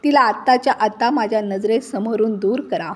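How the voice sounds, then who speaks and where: A woman voicing a cruel young husband who shouts at his wife with contempt, in a told story. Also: a little high, normal speed, breathy edge. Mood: furious.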